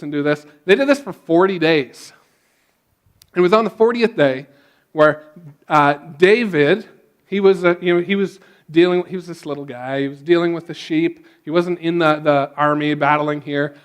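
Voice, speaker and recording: A male pastor retelling a story in a casual sermon, with frequent restarts and a relaxed way of talking. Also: a little high, normal speed, clean tone.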